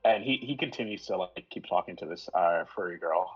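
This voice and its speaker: A man narrating as game master in a casual tabletop role-play, with many fillers and quick character voices. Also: deep voice, breathy edge, muffled recording, soft background music.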